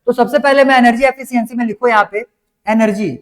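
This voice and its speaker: A man, teaching a class. He works through each step slowly and often stops to ask whether the students follow. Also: very high voice, steady tone. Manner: explains step by step, keeps asking if it is clear. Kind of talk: classroom lecture.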